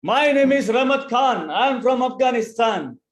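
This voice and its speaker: Brief: man playing an eager, insistent Afghan stranger, very high voice, roomy sound. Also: lively intonation, moderate pace. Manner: insistent, short simple sentences. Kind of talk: drama-in-education role-play.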